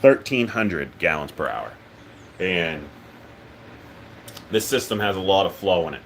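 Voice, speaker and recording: A man's voice: deep voice, unhurried, a little hiss or hum. A man hosting a live stream, talking casually and rambling with lots of ums as he reads chat. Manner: relaxed, rambling, many ums and uhs. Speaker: livestream host.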